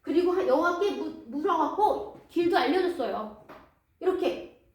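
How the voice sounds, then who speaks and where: Woman doing a tattletale servant man, bright lively voice, echoey room far from mic. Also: extremely high pitch, moderate pace, voice pushed up. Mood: tattling. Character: tattling male courtier informing on someone.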